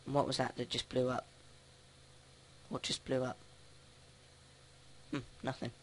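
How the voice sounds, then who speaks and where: A man casually commenting on his own gameplay, thinking aloud with many halting restarts. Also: mid-range voice, level tone, slight background noise. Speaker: let's play host.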